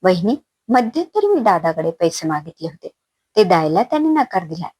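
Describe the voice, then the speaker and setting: A woman voicing a young man who menaces his sister-in-law, in a husky, threatening tone. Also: lowish voice, big pitch swings, fairly quick, warm tone, dry recording. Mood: menacing. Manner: threatening, coaxing. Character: young male brother-in-law, menacing and pushy.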